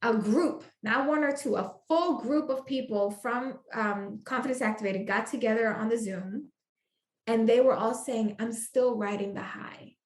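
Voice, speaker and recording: Woman, podcast guest. High voice, emphatic storyteller who repeats lines for punch. Roomy, echoey recording. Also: moderate pace. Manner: emphatic, exclaiming, repeats phrases for effect. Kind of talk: animated faith storytelling.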